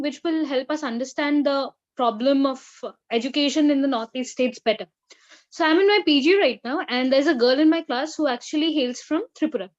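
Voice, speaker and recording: A student in her twenties gives an earnest online presentation over a video call, her high voice halting and full of fillers. The bad connection keeps cutting out, making the audio choppy, and the call sound is dull and lo-fi.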